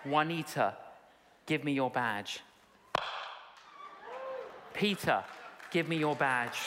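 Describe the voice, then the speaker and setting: A calm, solemn saviour figure acted by a woman preacher speaks in a lowered, measured voice, gently repeating commands. The sermon sketch resounds in a big reverberant hall. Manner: low, measured, repetitive. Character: calm, solemn, gentle Jesus taking others' guilt. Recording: echoey hall, reverberant, audience noise.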